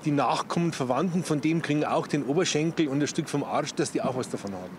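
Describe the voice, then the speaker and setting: Fast-talking older street interviewer. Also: male voice, a little high, animated. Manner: chatty, teasing, quick questions. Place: outdoor city square. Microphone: handheld mic. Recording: faint street traffic noise.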